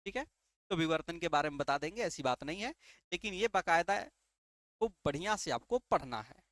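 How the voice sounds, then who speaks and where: A man's voice: a little high, animated, fairly quick, a bit bright, dry recording, clean studio sound. A male teacher giving an exam-prep lesson, asking rhetorical questions and answering them himself, and often repeating key terms. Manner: repeats key terms and checks understanding with "ठीक है".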